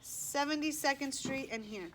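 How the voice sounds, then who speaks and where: A woman's voice: high-pitched, normal speed, fairly bright tone, slight background noise. Woman reading as an impatient storybook dad. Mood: exasperated. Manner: firm, losing patience. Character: weary adult male father, patient then strained.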